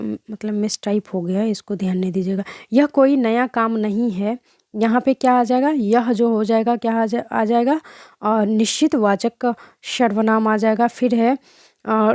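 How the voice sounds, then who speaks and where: A woman's voice: fairly high pitch, mellow, dry recording, clean studio sound. A young woman teaching an online grammar lesson, who keeps asking rhetorical questions and correcting herself as she goes.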